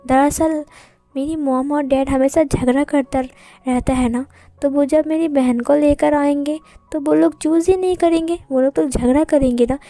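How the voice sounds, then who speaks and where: A woman's voice: high-pitched, fairly even intonation, normal speed, dark tone, no echo, soft background music. A woman voicing a cheeky, chatty ten-year-old boy who pesters the grown-ups in a fan fiction story. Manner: pestering, bossy, childish.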